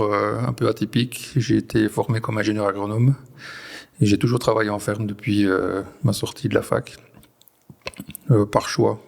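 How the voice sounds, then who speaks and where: A man in his forties with a Belgian French accent, a farmer explaining his work in an interview, pausing and restarting often. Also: lowish voice, gravelly, darkish tone. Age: 40s. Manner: hesitant, many restarts and fillers. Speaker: farmer, guest. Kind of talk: conversational interview.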